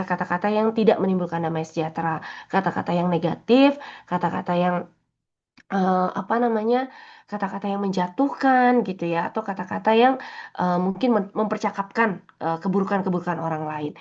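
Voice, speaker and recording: A woman's voice: mid-range voice, creaky, highs cut off. A woman giving a casual morning devotional talk, conversational and full of fillers and tag questions. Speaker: devotional speaker.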